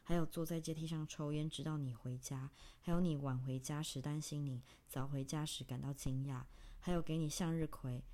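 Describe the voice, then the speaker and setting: Low, warm-toned woman, dramatic stage reading, intense and halting. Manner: intense, halting delivery in short broken phrases; long breathless list, spoken low and soft.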